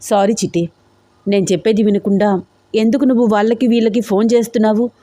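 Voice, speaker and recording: A woman voicing a firm, calming young man in a storybook audio drama. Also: medium pitch, fast, dry recording, close to an everyday voice. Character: young man, a steady, protective boyfriend.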